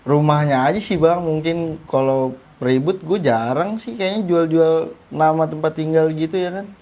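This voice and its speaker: A man's voice: a little high, moderate pace, a little mellow. A man, a guest in a casual interview, answering in an easygoing way with short replies.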